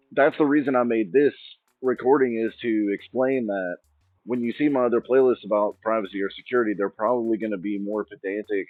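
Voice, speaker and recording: A lowish male voice, with no echo, belongs to a channel host rambling informally and restarting ideas halfway through sentences. Faint music sits behind a dry, tinny, phone-like sound.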